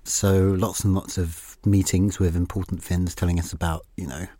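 Male podcast host, low husky voice, wry rambling banter. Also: little pitch movement, normal speed, dark tone, no room sound. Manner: dry, self-deprecating, rambling. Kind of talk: casual chat. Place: small dark podcast studio.

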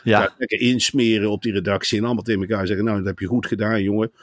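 A man's voice: fairly low pitch, flat delivery, fast, dry recording, studio quality. A man, co-hosting a podcast, spinning long mocking comic riffs in casual chat. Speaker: podcast co-host.

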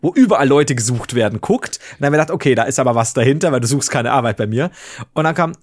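A man hosting a podcast, telling a story in casual chat and acting out the quoted dialogue with big leaps in pitch, swearing casually. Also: lively intonation, quick pace. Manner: swears casually, rambling restarts. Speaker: podcast host.

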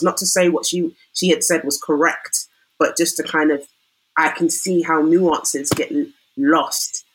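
Woman with a low pitch, relaxed conversational telling of an anecdote. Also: husky, poor audio. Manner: recounts an example at length, hedging often. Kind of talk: casual discussion.

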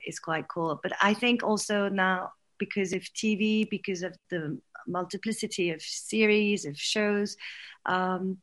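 French actress guest, casual and halting, repeats words, laughs often. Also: female voice, medium pitch. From Paris, France. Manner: hesitant, many restarts and repeated words; laughs often while talking. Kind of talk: casual interview chat.

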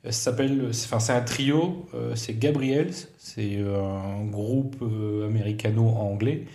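A man's voice: lowish voice, a little slow, mellow, roomy sound. A man co-hosting a podcast in casual chat, talking hesitantly with many fillers and restarts. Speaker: podcast co-host.

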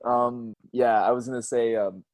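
A man's voice: medium pitch, fairly even intonation, normal speed, darkish tone, no echo. A young man co-hosting a podcast, chatting casually, laughing often and swearing freely. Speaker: podcast co-host. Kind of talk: casual chat.

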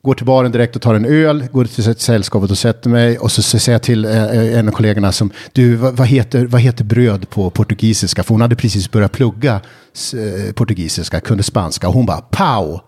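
A man who travels for a TV show, chatting casually and telling an animated story, shouting and mimicking when he gets excited. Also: on the low side, breathy edge. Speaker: TV travel presenter and guest storyteller.

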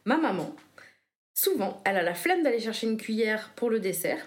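A woman's voice: fairly high pitch, very animated, moderate pace. Easygoing woman telling game anecdotes. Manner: easygoing, tells little stories. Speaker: game player. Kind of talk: casual chat. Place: apartment.

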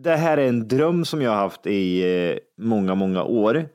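A man in casual chat among friends, rambling and excitable, laughing often. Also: lowish voice.

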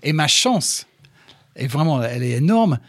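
A middle-aged man from England, a podcast guest, telling stories in French with an English accent, animated and full of restarts. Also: on the high side, measured pace, no room sound, clean studio sound. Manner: animated storyteller, fillers and restarts. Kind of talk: casual conversation. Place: studio.

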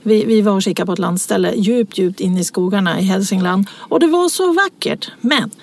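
A woman's voice: medium pitch, expressive. A woman in casual chat, telling personal stories and laughing as she talks. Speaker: podcast co-host.

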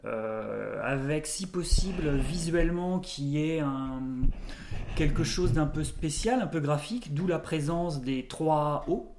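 A man, an artist, talking as a guest in a casual interview, relaxed and thoughtful with loose phrasing. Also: fairly high pitch, slow, a little hiss or hum.

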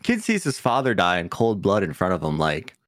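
A man's voice: low-pitched, wildly swooping pitch, a little fast, fairly bright tone, no room sound, clean studio sound. A man co-hosting a podcast in casual chat, laughing often and swearing casually. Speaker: podcast co-host.

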